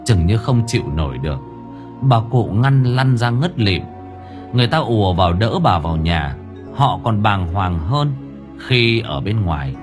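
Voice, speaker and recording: A man narrating a story in an expressive, dramatic way. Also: lowish voice. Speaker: audiobook narrator. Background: faint music bed.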